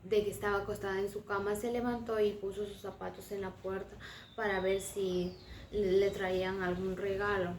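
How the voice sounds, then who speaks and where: A woman teacher retells a story for young children, slowly and simply, often restarting a phrase. Her voice sounds roomy and sits back from the mic, with faint background sound. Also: mid-range voice, flat delivery, a little mellow, a little hiss or hum. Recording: roomy and distant.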